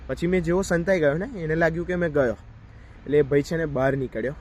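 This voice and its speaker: Brief: male vlogger, a little high-pitched, chatty and direct, recorded outdoors in a park with faint traffic behind. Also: quick pace. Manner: chatty, addresses viewers directly. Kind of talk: casual storytelling vlog.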